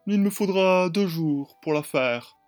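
A man voicing a fussy male court enchanter who talks slowly and draws out his words in a storytelling podcast. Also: high voice, soft background music, voice pushed up. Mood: unbothered.

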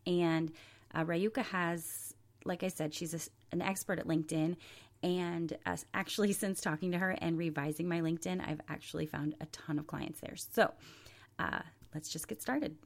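A woman's voice: fairly low pitch, steady tone, normal speed, creaky. A woman hosting a podcast, reading an upbeat scripted intro and sponsor message. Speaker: podcast host.

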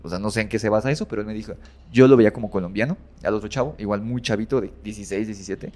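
A man's voice: lowish voice, racing, a little mellow. A man casually retelling a horror story as a guest, rambling with many fillers and self-corrections.

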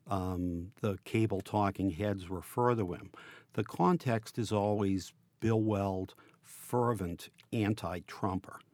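An older man hosting a casual news chat, asking questions in a halting, conversational way. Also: fairly low pitch, gravelly, darkish tone, dry recording. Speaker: podcast host.

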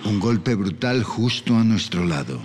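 A man's voice: lowish voice, lively intonation, measured pace, crowd noise. A man narrating a paranormal documentary in a grave, suspenseful tone. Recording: voice-over with background music.

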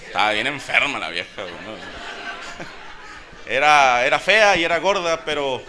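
A man in his thirties with a Mexican accent delivers a crude, slangy stand-up routine at a comedy venue, acting out voices as he tells stories. His medium-pitched voice is expressive and sharp at a normal speed, and the noisy live stage recording carries a faint crowd and audience laughter.

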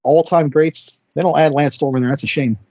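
A man co-hosting a podcast, cutting in with quick joking remarks. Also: fairly high pitch, steady tone, a little mellow, slight background noise. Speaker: podcast co-host. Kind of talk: casual chat. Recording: dull muffled dry mic.

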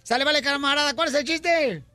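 A man hosting a loud radio comedy hour. His voice sits very high and bright, and he teases callers in a flirty way. Music plays faintly behind him. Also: fairly quick, no room sound. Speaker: radio show host. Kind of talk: rowdy radio banter.

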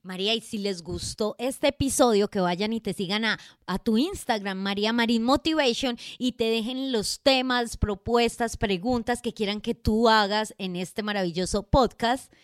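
A woman co-hosting a podcast in casual chat, playful and quick to chime in with suggestions. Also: on the high side, clean tone, no room sound, studio quality. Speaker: podcast co-host.

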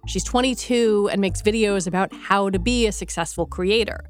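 A female podcast host narrates a reported story from a script. Her voice is medium in pitch, with faint music beneath it. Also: moderate pace.

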